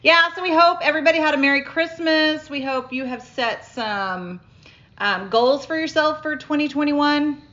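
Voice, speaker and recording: A chatty middle-aged woman with a slightly high voice co-hosts a relaxed podcast. She laughs often as she talks. The sound is dull and lo-fi, captured on a phone recorder. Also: normal speed. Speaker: podcast co-host. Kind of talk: casual chat.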